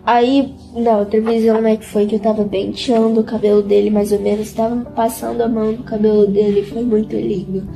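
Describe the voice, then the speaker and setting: A teenage girl giving an emotional testimony in an interview, speaking earnestly and haltingly and repeating words over and over. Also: medium pitch, little pitch movement, gravelly, music in the background.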